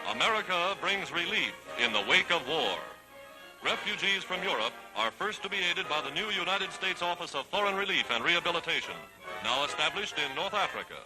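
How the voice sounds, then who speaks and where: A man's voice: fairly high pitch, lively intonation, brisk, low-quality recording. A man narrating a wartime newsreel in the scripted, emphatic, declamatory announcer style of the 1940s. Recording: old 1940s newsreel soundtrack, loud music. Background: loud music score.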